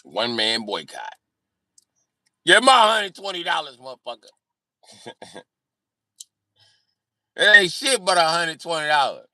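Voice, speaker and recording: Very animated, a man with a voice on the high side speaks a little slowly with long pauses, bright and forceful. He's hosting a livestream, reading and answering comments in a brash, joking, slangy and very profane way. The sound is clean studio audio with no echo.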